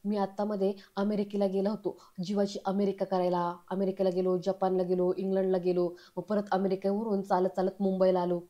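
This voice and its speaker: A woman reading the lines of a boastful man who pretends to have a head injury, in a mellow, level voice. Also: mid-range voice, monotone, fairly quick, hardly any pauses, dull audio, lightly acted. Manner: bragging, evasive.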